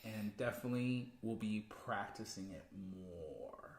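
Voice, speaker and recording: A man co-hosting a casual spiritual livestream, emphatic and quick to laugh. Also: lowish voice, roomy sound. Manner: animated, laughs often, emphatic. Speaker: co-host.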